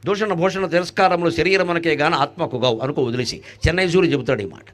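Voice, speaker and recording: A man giving a devotional discourse, joking, asking rhetorical questions and chanting Sanskrit verses, swinging between loud bursts and soft asides. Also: a little high, fast talker. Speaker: spiritual discourse speaker.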